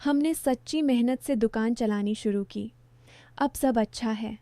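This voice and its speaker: A woman telling a first-person story as scripted narration, in a steady, even storytelling delivery. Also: on the high side, measured pace, dry recording.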